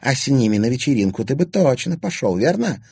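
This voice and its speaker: A man reading an audiobook, voicing a hot-tempered, jealous young sorceress with sharp, scornful retorts. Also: medium pitch, big pitch swings, brisk, vocal fry, husky, no echo, studio quality, pitched above the performer's own voice, full character voice. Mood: scornful, indignant. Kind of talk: audiobook character voice.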